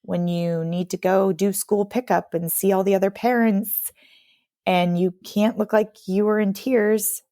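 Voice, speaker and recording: Woman in her 30s talking slow and halting on a podcast, lots of likes, dry close sound. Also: medium pitch, steady tone, dark tone, no room sound. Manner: halting, reflective, many fillers. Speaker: podcast guest. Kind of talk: candid interview conversation.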